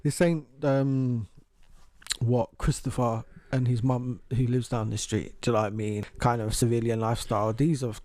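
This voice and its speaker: Young guy chatting on a podcast, mellow voice, dry close sound, swears a lot. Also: mid-range voice, moderate pace, no room sound. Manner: animated storytelling, swears freely, laughs often. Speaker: podcast co-host. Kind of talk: casual uncensored chat.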